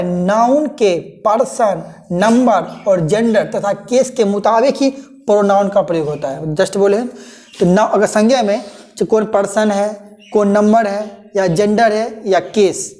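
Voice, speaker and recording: A woman teaching an English grammar lesson, repeating terms slowly and often checking that students understand. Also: mid-range voice, warm tone. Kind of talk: classroom lesson explaining pronouns.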